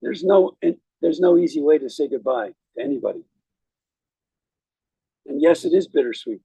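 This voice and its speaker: A man speaking as a rabbi at a graveside, giving a eulogy in a measured, reflective way with deliberate pauses. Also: on the high side, huge pitch swings, vocal fry, dark tone, slightly rough, no room sound, rough recording. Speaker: rabbi officiating at a funeral.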